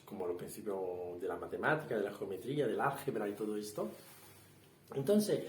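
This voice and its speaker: A man's voice: medium pitch, a little mellow. A man giving a casual spoken language lesson, explaining with fillers, restarts and rhetorical questions. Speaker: language teacher. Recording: roomy echo, somewhat far from the mic.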